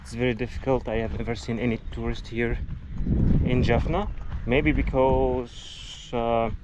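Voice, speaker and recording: A man's voice: mid-range voice, level tone, a little slow. A man from Egypt, a travel vlogger giving a chatty walking tour outdoors on an old fort tower and explaining things step by step. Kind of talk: casual walking tour narration. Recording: loud outdoor wind and traffic noise.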